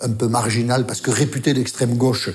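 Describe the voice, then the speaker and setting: An older man with a Basque accent, telling stories from his career as a journalist in a lively, casual way with the odd swear word. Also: mid-range voice, a little fast. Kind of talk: interview storytelling.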